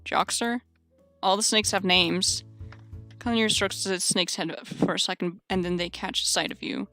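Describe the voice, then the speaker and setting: Excitable young woman streamer. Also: medium pitch, normal speed, no echo, soft background music. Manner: excitable, loud outbursts. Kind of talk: reading a game aloud with live commentary.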